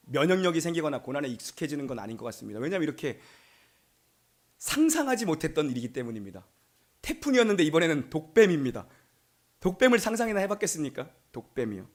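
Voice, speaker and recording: A male pastor from Gyeonggi Province giving a Sunday sermon in a chatty storytelling way, acting out bits of dialogue. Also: fairly high pitch. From Gyeonggi Province, Korea.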